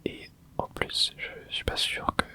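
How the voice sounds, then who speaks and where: At a measured pace, a gaming host whispers casual commentary over his gameplay in a bright, forceful tone. He rambles and thinks out loud, hesitating often and using many filler words.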